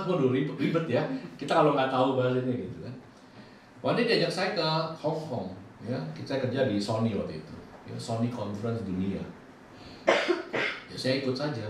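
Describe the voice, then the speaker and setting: A man preaching a sermon, telling lively personal stories and acting out his own remarks. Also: medium pitch. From Indonesia. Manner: lively storytelling, acts out his own quoted lines. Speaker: bishop preaching. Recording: echoey hall from far off, faint noise.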